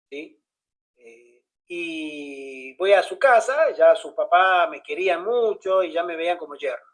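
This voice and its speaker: A man tells a story in an easy, conversational way. He jumps into the voices of the people in it as he goes and keeps the telling lively. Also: high voice, low-quality recording. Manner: animated, acts out the dialogue of others. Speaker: pastor.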